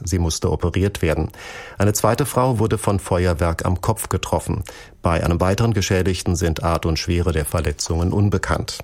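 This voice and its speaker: A man reading a radio news bulletin in a measured, formal way. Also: low voice, darkish tone. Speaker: newsreader.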